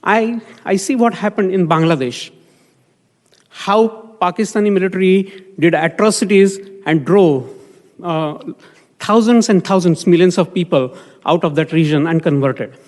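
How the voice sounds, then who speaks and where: Man from India, public comment, halting, many fillers, slightly high voice, reverberant council chamber. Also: darkish tone. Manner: halting, with frequent fillers and restarts. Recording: long hall reverb.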